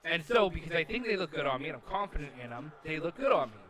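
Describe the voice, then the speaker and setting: A gaming channel co-host with a slightly high voice talks fast and very animatedly as he plays a wrestling video game. His chat is casual, rambling, and confident, packed with filler words, over the game's arena crowd.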